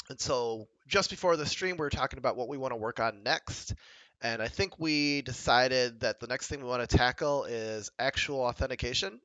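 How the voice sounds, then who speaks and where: Bright, dry man on a headset mic. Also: mid-range voice, dry recording, low-quality recording. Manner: halting, full of ums. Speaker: co-host of a coding livestream. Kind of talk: casual live coding chat.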